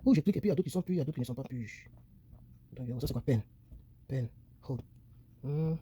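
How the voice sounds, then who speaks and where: A man's voice: medium pitch, fast talker, mellow, husky. A man teaching English grammar in a chatty, repetitive way, narrating as he writes on a tablet and correcting himself as he goes. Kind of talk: casual screen-recorded lesson.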